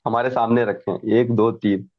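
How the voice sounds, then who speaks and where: A man's voice: medium pitch, steady tone, moderate pace, no room sound, dull audio. A man telling stories as an interview guest, laughing often and mixing in English phrases. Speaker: guest, defence exam candidate. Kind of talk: casual storytelling chat.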